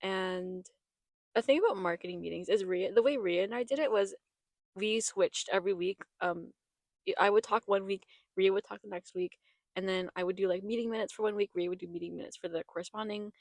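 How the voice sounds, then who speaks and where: A woman's voice: medium pitch, brisk, no room sound. A young woman hosting a podcast in casual chat, talking in a chatty, rambling way with restarts. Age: young adult. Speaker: podcast host. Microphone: podcast mic.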